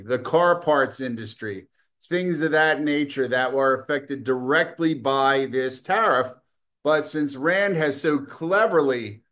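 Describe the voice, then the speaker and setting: Slightly high and a bit bright, this middle-aged man's voice drives a scornful, profane monologue on his political commentary show. He's combative throughout and coughs occasionally.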